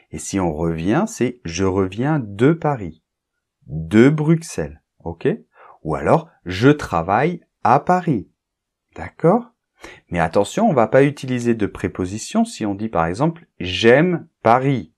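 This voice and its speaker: Slow, patient male French teacher. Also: lowish voice, a little mellow, breathy edge. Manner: patient, often checks understanding with "d'accord?"; speaks directly to one learner, reads example sentences aloud. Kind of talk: grammar lesson for learners.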